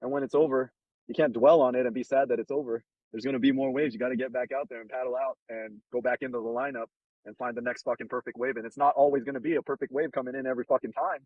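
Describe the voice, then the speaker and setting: Blunt, fast-talking profane man. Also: mid-range voice, steady tone, dry recording, phone-quality sound. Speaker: host giving dating advice. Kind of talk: casual advice chat. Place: in a car.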